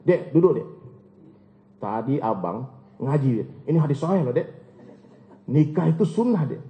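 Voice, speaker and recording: Man doing an eager young man, earnest, coaxing, slightly high voice, muffled sound. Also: animated, normal speed. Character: eager young man preaching to his little sibling. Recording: echoey hall, dull lo-fi sound.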